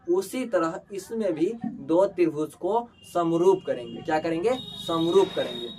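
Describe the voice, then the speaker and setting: A man's voice: on the high side, lively intonation, unhurried, a little mellow. A man teaching a board-exam lesson, asking questions and answering them himself and calling students "babu". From Bihar. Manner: colloquial, calls students "babu". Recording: distant mic with faint background noise.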